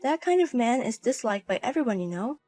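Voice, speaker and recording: A woman's voice: fairly high pitch, big pitch swings, brisk, warm tone, no room sound, faint music behind. A woman voicing a wife in a scripted drama, talking in a cold, cutting and dismissive way. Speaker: narrator and wife in a voiced story.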